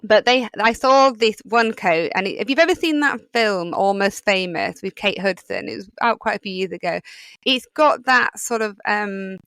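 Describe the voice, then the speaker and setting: A woman's voice: mid-range voice, moderate pace, a bit bright, smooth, no echo. A woman with a Yorkshire accent hosting a solo podcast, talking in a chatty, rambling way with many fillers. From England. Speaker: podcast host.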